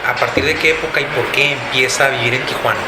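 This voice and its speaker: A man's voice: medium pitch, steady tone, quick pace. A man interviewing a candidate in a café, speaking politely and formally, with some fillers. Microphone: handheld recorder. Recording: echoey room with loud café noise.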